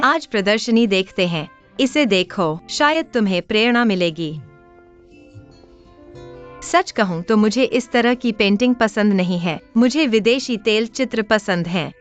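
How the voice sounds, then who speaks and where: A woman's voice: medium pitch, natural voice. A woman playing a headstrong, talkative young woman with a breezy way of speaking. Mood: chatty. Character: spirited young sister, headstrong and chatty. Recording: muffled dubbed audio with faint music.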